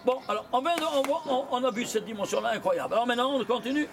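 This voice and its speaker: A rabbi teaching a lively Torah lesson, quizzing his students with quick rhetorical questions and mixing in Hebrew terms. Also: very high voice, a little hiss or hum.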